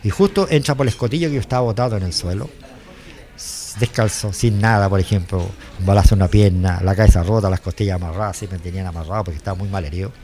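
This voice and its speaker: A man's voice: low-pitched, quick pace, warm tone. An older man with a Chilean accent giving a rambling personal testimony, often repeating himself and quoting what others said. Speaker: interviewee, former driver.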